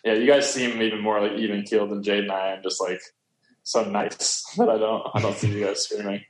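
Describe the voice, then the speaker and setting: A man chatting on a podcast over a video call, quick and teasing. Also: fairly low pitch, flat delivery, echoey room, poor audio. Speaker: podcast co-host.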